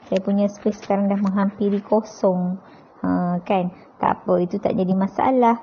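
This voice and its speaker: On a dull, lo-fi recording with a little hiss or hum, a woman with a Malaysian accent presents an informal app tutorial step by step. Her medium-pitched voice has fairly even intonation and a moderate pace. Conversational and teacherly, she often checks in using tag questions.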